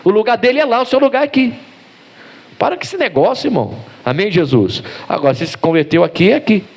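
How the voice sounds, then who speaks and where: A man's voice: high voice, fast talker, gravelly, husky. A man with a Brazilian Portuguese accent, a pastor preaching a sermon who acts out bits of dialogue along the way. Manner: animated preaching with acted-out dialogue.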